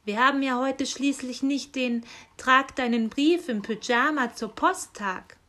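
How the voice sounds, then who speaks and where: A woman's voice: high-pitched, measured pace, pushed and bright, pitched above the performer's own voice. A woman reading aloud and voicing an eager, cheeky young male apprentice.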